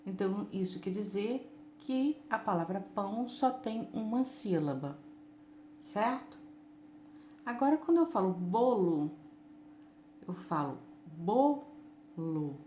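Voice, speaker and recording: A woman teacher talks children through a lesson in an unhurried, patient way, stretching each word. Her voice sits at a middle pitch. The room is echoey, with a faint hiss of noise behind her. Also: lively intonation, a little mellow. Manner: slow, patient, drawn-out words.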